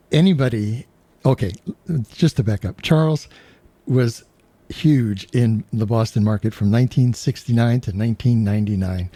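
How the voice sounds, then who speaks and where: A man's voice: medium pitch, warm tone, no echo. A man hosting a radio show in casual studio chat, talking hesitantly with many fillers and digressions. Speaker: radio host.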